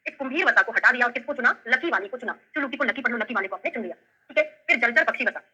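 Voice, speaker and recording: A woman's voice: on the high side, lively intonation, racing, sharp tone, breathy edge, lo-fi sound. A woman with a Bundelkhandi accent teaching an online lesson, explaining step by step and checking in with her students. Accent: Bundelkhandi Hindi. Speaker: Ayurveda tutor. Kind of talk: online lesson with memory tricks.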